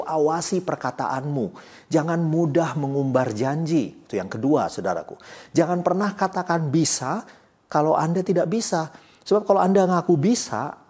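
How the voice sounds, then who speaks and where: A man's voice: mid-range voice, a little mellow, breathy edge. A man with an Indonesian accent preaching a sermon in an earnest, direct way, often addressing his listeners personally. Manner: earnest, repeatedly addresses listeners as brothers and sisters. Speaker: pastor.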